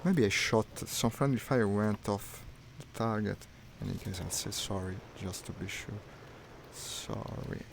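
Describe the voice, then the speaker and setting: A man's voice: lowish voice, a little slow, creaky. A man streaming a flight simulator, giving wry running commentary as he plays, talking half to himself. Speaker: gaming streamer. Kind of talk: live commentary while playing a flight sim. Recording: noisy stream audio.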